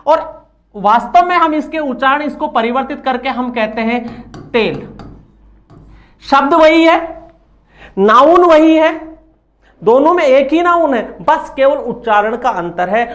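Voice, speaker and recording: Man, high voice, teacher, explains from slides, answers his own questions. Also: normal speed, fairly bright tone. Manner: asks questions and answers them himself; has students repeat words after him. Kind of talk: Hindi grammar lesson with slides.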